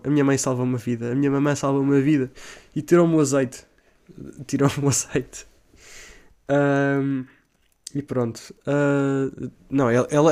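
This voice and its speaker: A young man with a European Portuguese accent tells a story in casual, profane, rambling talk, with English slang mixed in and high shouts as he acts out his own cries.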